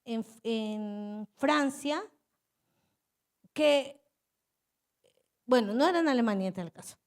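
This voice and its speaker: A woman's voice: on the high side, takes it slowly. A woman pastor preaching a sermon earnestly, repeating her phrases and putting questions straight to her listeners.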